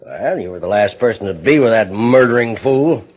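An actor playing a tough, sly old rancher with a folksy drawl in a vintage radio western. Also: male voice, fairly low pitch, animated, moderate pace. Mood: sly, needling. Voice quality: husky. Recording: muffled old radio recording.

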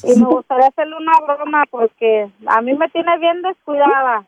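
High-voiced woman on a phone line. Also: moderate pace, dry recording. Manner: chatty, complaining, mock-apologetic. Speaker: caller pranking her husband. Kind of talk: phone call to a radio show. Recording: tinny phone line with faint hiss.

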